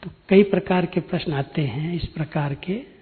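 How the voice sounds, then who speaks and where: A man's voice: on the high side, normal speed. A man, giving a spiritual discourse and telling his own story in an earnest, direct way. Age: 60s. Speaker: spiritual speaker. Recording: tinny phone-like sound in a hall with long reverb.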